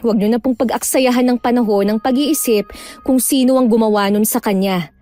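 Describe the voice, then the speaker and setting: A woman playing a calm, sensible daughter. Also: a little high, brisk, faint music behind, natural voice.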